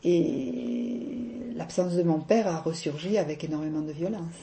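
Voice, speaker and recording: A middle-aged woman from the south of France with a southern French accent, chatting about her life in a casual interview, laughing often and pausing on fillers. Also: deep voice, expressive, gravelly, mellow, a little hiss or hum. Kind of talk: casual personal conversation.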